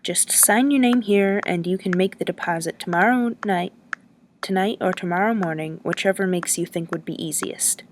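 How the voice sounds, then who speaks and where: A woman's voice: lowish voice, moderate pace, a little hiss or hum, natural voice. A woman reading the lines of a chatty, teasing male lodging-house keeper who rambles in a folksy way.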